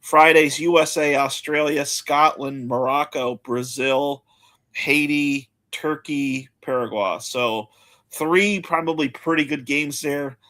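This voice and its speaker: A man's voice: on the high side, steady tone, takes it slowly, fairly bright tone. A man hosting a live sports-betting show, chatting casually and rattling off match lists.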